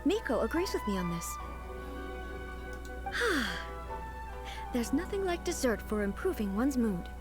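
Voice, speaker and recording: Stately divine ruler: measured, formal, lively pitch, over game score. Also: female voice. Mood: serene. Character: regal, composed female god ruler. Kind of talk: game character dialogue. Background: game music.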